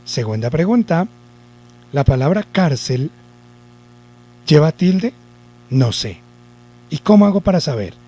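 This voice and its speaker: Slow, lively-voiced male teacher. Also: a little high. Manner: deliberate, repeats rules and asks himself questions. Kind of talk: spelling lesson for children.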